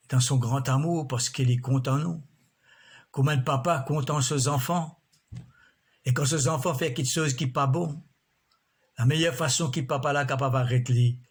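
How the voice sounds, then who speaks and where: A man preaching a sermon in a slow, measured way, often breaking in with alleluias. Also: mid-range voice, slightly rough.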